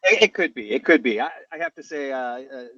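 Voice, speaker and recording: A man's voice: lively intonation, fast, crowd noise. A man asking long, rambling questions on a casual online panel, through a headset on a weak connection that makes his voice thin and tinny, as if in a tin can. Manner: long rambling questions full of ums and uhs. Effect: thin tinny sound with no bass, like a tin can. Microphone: headset over a weak internet link. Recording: tinny lo-fi online call line.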